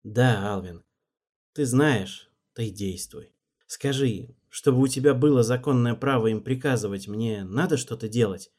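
A man reading the part of an unsure young ruler who talks hesitantly and gently. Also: medium pitch, unhurried, natural voice.

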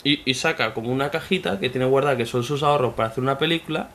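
A man's voice: medium pitch, fast, fairly bright tone. A man, co-hosting a casual podcast chat, joking and often laughing. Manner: joking, laughs often, acts out mock quotes. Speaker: podcast co-host.

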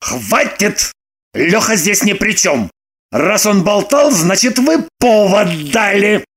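An actor playing an excitable young man who bursts into shouts and pleads desperately. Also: sits high, slow pace, slightly rough, full character voice. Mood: angry. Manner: loud, shouting outbursts.

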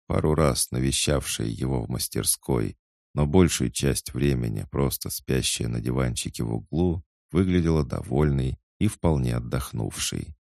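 A man narrating an audiobook in an even storytelling manner. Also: a bass voice, moderate pace, creaky, no echo, studio quality. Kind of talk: scripted narration.

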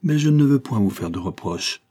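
A man's voice: fairly low pitch, animated, normal speed, warm tone, breathy edge. A man voicing a bitter young husband. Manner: bitter, impassioned pleading. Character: brooding young male lawyer, wounded husband. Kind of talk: audiobook character reading.

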